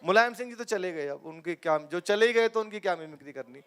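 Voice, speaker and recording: A male stand-up comedian talks to a live crowd in a high voice. He is chatty and laughs along at his own jokes. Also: lively intonation, fast, a bit bright, clean tone. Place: stage at a live event.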